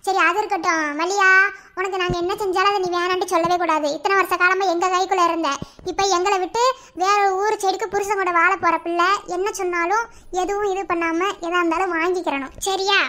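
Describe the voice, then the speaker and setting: Cartoon aunt, Madurai accent, shrill and bright, preachy and fond, voiced by a woman. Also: steady tone, fairly quick. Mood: lecturing. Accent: Madurai Tamil. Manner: long preachy advice, coaxing questions. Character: motherly middle-aged aunt, lecturing and fond. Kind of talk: cartoon voice acting.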